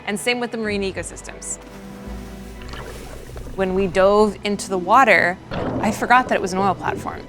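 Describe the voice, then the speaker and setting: A woman's voice: mid-range voice, normal speed, pauses often. A woman telling her experiences as a marine consultant in a documentary interview. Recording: prominent music bed under speech.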